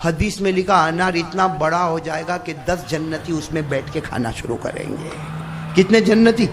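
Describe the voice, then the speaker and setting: A male preacher telling a story in a sermon, swinging dramatically from whispers to shouts and calling on listeners to repeat after him. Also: on the high side, background noise.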